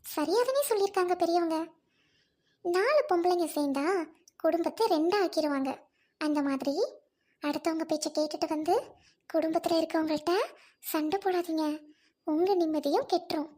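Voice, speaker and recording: A woman who closes a skit by calmly telling listeners its moral. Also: very high-pitched, moderate pace, long pauses. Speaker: narrator giving the moral. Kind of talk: scripted moral address.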